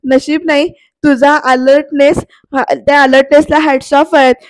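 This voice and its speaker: A brash, playful young husband, read out by a woman narrator, who teases in light banter. The voice sits high and keeps a fairly level tune. The sound is close and dry. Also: level tone, moderate pace, no echo, lightly acted. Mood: teasing. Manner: teasing banter.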